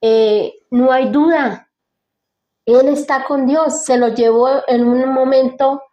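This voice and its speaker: A woman giving an earnest, devout personal testimony as an interview guest, talking in halting restarts. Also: high voice, steady tone, mellow, lo-fi sound.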